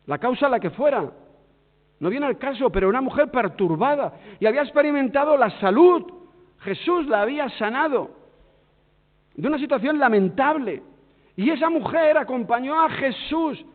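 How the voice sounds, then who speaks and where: A man with an accent from Spain preaching a sermon in a church hall, swinging between loud emphasis and hushed, drawn-out words. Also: very high voice, sing-song. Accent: Spain Spanish. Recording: tinny phone-like sound with long hall reverb.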